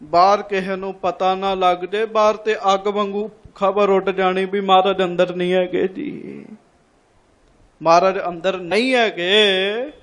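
High-voiced man preaching a sermon. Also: fairly even intonation, unhurried, fairly bright tone. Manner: repeats lines, asks the congregation questions; calls the congregation to respond. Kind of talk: sermon storytelling.

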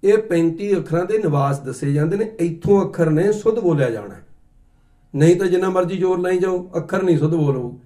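Preacher, middle-aged man, a touch high in pitch, story-driven sermon delivery. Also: mellow. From Punjab. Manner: storytelling, acts out quoted voices, slow deliberate explanations. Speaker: Sikh preacher. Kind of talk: katha sermon with anecdotes.

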